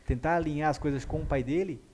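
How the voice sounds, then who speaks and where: A man, a guest therapist telling a story in a lively way and acting out the dialogue. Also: on the high side, quick pace, a little hiss or hum. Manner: animated, acts out dialogue. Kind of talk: conversational storytelling.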